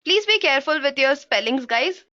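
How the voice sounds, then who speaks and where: A woman with a high, bright voice teaches a live coding tutorial. She walks through each step and keeps addressing her listeners as guys. Her voice comes through a dull, dry livestream headset mic with no room sound. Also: animated, moderate pace, no echo. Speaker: programming instructor.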